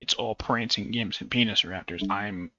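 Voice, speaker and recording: Sharp-voiced man swearing through a game. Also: fairly low pitch, normal speed, dull audio, faint music behind. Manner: rambling, profane, jokey asides. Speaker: gaming streamer. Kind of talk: casual let's-play commentary. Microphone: phone stream setup.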